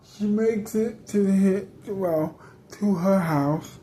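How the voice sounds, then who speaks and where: A woman's voice: medium pitch, slow, dark tone, slight background noise, poor audio. A woman improvising a spoken story, rambling and correcting herself as she goes.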